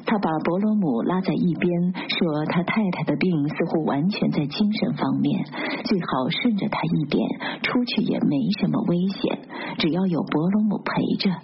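A woman narrating a literary novel aloud in a steady, measured storytelling manner. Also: fairly low pitch, breathy edge. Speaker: audiobook narrator. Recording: dull lo-fi recording.

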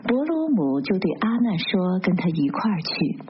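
A woman's voice: lowish voice, sing-song, moderate pace, a little hiss or hum. Woman reading a novel, lo-fi sound. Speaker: audiobook narrator. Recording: dull lo-fi recording.

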